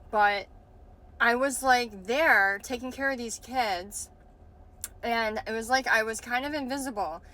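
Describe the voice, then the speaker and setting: A woman's voice: fairly high pitch, a little slow, sharp tone. A woman casually recounting a dream in a hesitant way, searching for words and often saying "like". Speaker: vlogger.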